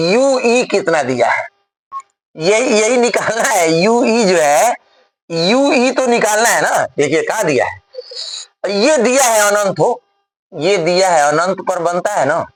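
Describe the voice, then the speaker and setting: A man's voice: high-pitched, animated, slow, long pauses, no echo, rough recording. A male physics teacher solving a problem on the board step by step in a classroom lecture, often checking whether his students follow.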